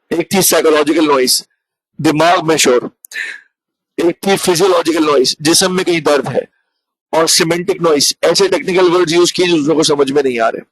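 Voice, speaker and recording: A man's voice: fairly high pitch, dry recording, low-quality recording. Man giving an online lecture. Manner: addresses students as friends, mixes English terms. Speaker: teacher.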